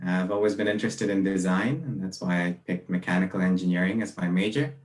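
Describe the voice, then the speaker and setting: A young man from Malaysia and Brunei, a guest on a podcast, talks earnestly and reflectively about his work in a casual interview. His deep voice has a darkish tone and stays steady at a fairly quick pace. The audio is roomy and picked up from a distance.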